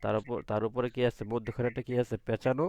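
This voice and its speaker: A man's voice: medium pitch, level tone, fast talker, creaky, darkish tone, slight background noise. A man teaching an online Quran class, patiently asking questions and drawing out letter sounds from the throat. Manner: patient, asks the class questions and answers them himself.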